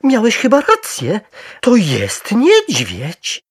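A man voicing a startled middle-aged housewife, exclaiming in a high, shrill, astonished voice. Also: animated, a little slow, gravelly, darkish tone, husky, dry recording, studio quality, exaggerated voice. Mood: amazed.

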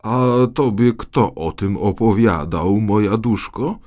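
A man voicing a pompous, henpecked middle-aged king in an audiobook fairy tale, speaking in a deep, blustering tone. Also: slow pace, dark tone.

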